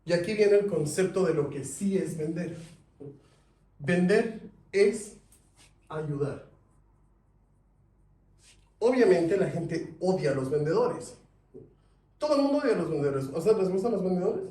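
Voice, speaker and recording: Lively man teaching a sales class. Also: high voice, unhurried, long pauses. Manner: lively, asks the class questions. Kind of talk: classroom lecture. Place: classroom with students. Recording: echoey room, mic at a distance.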